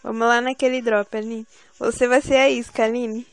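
High-voiced woman bossing her squad. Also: flat delivery, normal speed, no echo, low-quality recording. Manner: bossy, teasing, exasperated banter with teammates. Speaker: gameplay channel host. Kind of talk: casual gaming commentary. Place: at home.

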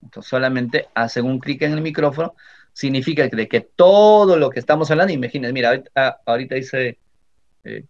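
A man with a Peruvian Spanish accent, teaching a software tutorial for teachers step by step and often checking that his listeners are following. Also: medium pitch, a little fast, vocal fry. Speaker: teacher training instructor. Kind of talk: screen-recording software tutorial. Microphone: computer microphone. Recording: slightly dull lo-fi audio.

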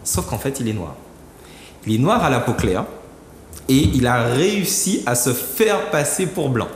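A man's voice: medium pitch, sing-song, a little slow. A man who is a talk show guest, explaining a book while thinking aloud, with frequent fillers and restarts. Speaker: studio guest. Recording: roomy studio with long reverb and faint noise.

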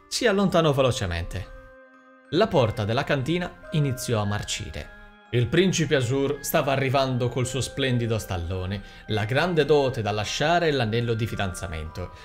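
Guy reading a fairy tale, really lively up and down voice, faint music behind. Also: mid-range voice. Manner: expressive storytelling. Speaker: audiobook narrator. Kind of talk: scripted narration.

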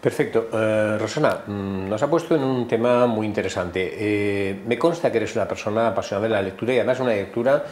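A man's voice: lowish voice, a little fast, hardly any pauses, darkish tone, a little hiss or hum. A man hosting a TV talk show, speaking courteously with frequent "eh" fillers. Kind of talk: formal TV chat introduction.

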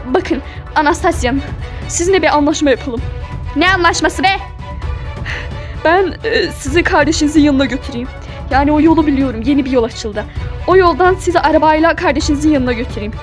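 A woman's voice: high voice, fairly quick, soft background music, natural voice. A woman voicing a nervous, servile male henchman who stammers and begs. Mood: begging. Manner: hesitant, stammering, begging.

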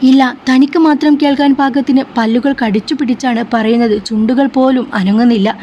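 A woman reading a story aloud in soft, steady scripted narration, in a slightly muffled recording. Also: high-pitched, a little fast. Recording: slightly muffled with faint hiss.

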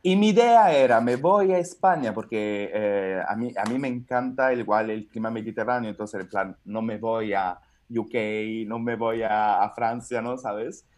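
An Italian man in his thirties, a guest comedian, speaks with an Italian accent on a video call from his home during a casual interview chat. He rambles through his story with many fillers and restarts. His voice is on the low side and a little mellow, at a moderate pace with hardly any pauses.

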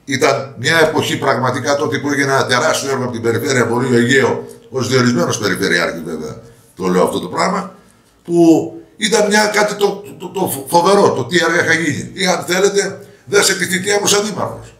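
An older Greek man running for parliament answers interview questions with anecdotes, acting out quoted dialogue as he tells his stories. His medium-pitched voice is expressive and fairly bright, and the recording has a roomy echo.

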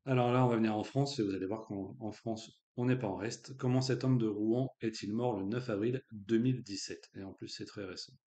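A man's voice: on the low side, steady tone, brisk, few pauses, mellow. A man hosting a live online quiz in a casual, joking way, with slang and lots of fillers. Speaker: quiz host.

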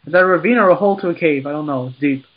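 A man chatting casually while playing a game with friends, excitable and quick with tips. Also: a little high, a little hiss or hum. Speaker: gamer. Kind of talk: casual gaming chat. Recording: dull lo-fi game mic.

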